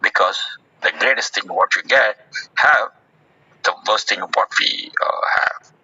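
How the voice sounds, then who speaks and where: A man hosting a casual group discussion in an audio chat room, earnest and halting, with many restarts. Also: on the low side, pushed and bright, slightly rough, dry recording. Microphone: phone in an audio chat app. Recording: muffled dry audio-room recording.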